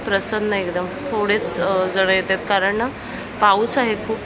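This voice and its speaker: A woman with a Marathi accent narrating a casual vlog outdoors in the rain, gently coaxing her little daughter. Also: medium pitch, fairly even intonation, unhurried. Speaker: vlogger. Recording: loud outdoor background noise.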